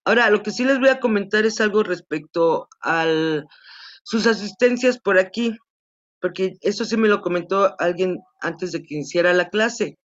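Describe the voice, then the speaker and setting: A woman's voice: mid-range voice, moderate pace. Woman, teacher, online class, patient explaining, dull video-call audio.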